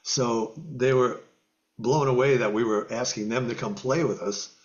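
This older guest musician is a lively raconteur with a mid-pitched voice at a moderate pace, heard slightly muffled through a video call webcam. Speaking from a home music room lined with guitars, he tells stories in a casual interview. He animates them by acting out quotes and guitar sounds, laughing often.

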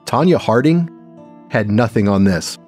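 A man from East Texas, a journalist and podcast host, reading scripted documentary narration in a measured, even way. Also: lowish voice. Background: soft music.

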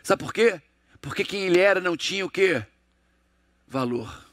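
A middle-aged Brazilian man, a coach and motivational speaker with a Brazilian Portuguese accent, gives an animated, emphatic lecture at a moderate pace, peppering the audience with rhetorical questions. He acts out dialogues in a lowered, hushed voice. The recording is dry and studio quality.

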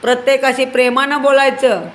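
A woman's voice: high voice, level tone, brisk, low-quality recording. A woman telling a children's moral story, often stopping to ask the listeners questions like a teacher.

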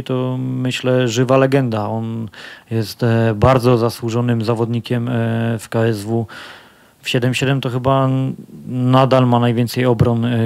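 A man in his thirties, an MMA fighter, answers press questions into a handheld microphone in a press conference room with a sponsor backdrop. His voice is medium-pitched, gravelly, and a little mellow, and he talks casually with lots of fillers and restarts.

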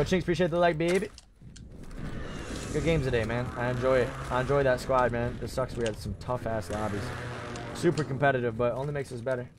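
A young man live-streaming game commentary and chat in a hyped, slangy gamer-bro manner, talking into a close boom mic. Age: young adult. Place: small bedroom streaming setup, indoors. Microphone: boom-arm studio mic with headset. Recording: loud game noise behind the voice.

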